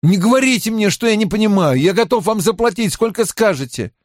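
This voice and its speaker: An eager, insistent young man, as a male narrator plays him, pushing his voice higher with animated swings. He presses urgently and demandingly, heard close and dry in an audiobook. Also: brisk, no echo. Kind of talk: audiobook character voice.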